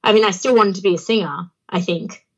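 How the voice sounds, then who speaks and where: A young Australian woman, a pro wrestler appearing as a guest, chats casually in an interview at a medium pitch and a slightly quick pace. Her throat sounds phlegmy, she laughs a lot and fills her speech with fillers, and the recording is lo-fi.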